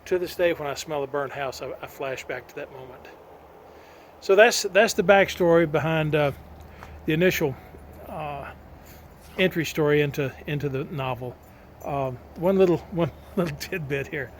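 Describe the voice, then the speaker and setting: A man's voice: on the high side, normal speed, a little hiss or hum. A middle-aged man, reading his own novel aloud and telling its backstory in a folksy way. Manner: folksy storytelling with homespun sayings. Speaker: author.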